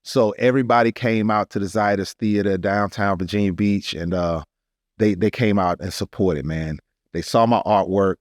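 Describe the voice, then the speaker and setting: A man with an American accent tells a personal story as an artist on a podcast, sounding casual, earnest and emphatic. His voice is on the low side with a steady tone and normal pace, captured in clean studio sound with no room ambience.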